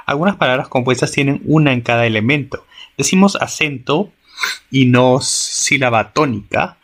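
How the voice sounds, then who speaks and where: A man reading a grammar text aloud as a lesson, often restarting words and sounding out example words. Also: medium pitch.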